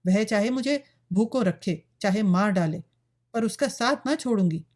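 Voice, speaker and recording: A woman's voice: mid-range voice, lively intonation, moderate pace, a little mellow, natural voice. A woman voicing a young village woman who is defiant and desperate, pleading in a storybook reading. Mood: anguished pleading. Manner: pleading, rebellious.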